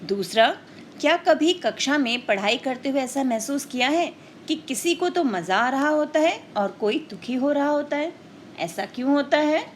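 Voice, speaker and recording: A woman teacher, unhurried and expressive, tells children a scripted story that carries a moral lesson. She is didactic, explaining and directly questioning her young listeners in a high voice. There is slight background noise.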